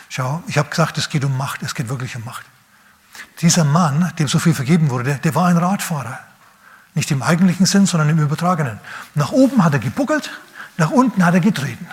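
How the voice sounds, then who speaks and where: Male pastor, sermon, fairly high voice, emphatic, questioning, shifts from urgent to hushed. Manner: emphatic preaching with rhetorical questions to the listener; swings between raised, urgent phrases and quiet, low asides.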